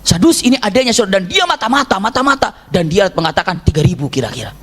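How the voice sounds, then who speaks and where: A man preaching to a women's study group, telling a story in a lively way and acting out the speakers in it. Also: fast talker, slightly rough. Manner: animated, swings pitch widely when voicing story figures. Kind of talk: sermon storytelling.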